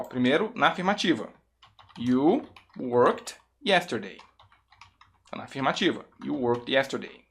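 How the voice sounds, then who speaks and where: A man from Brazil gives an English lesson on video in a voice of ordinary middle pitch. He says each example sentence slowly and clearly, more than once, and keeps checking that his viewers follow. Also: fairly bright tone. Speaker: English teacher.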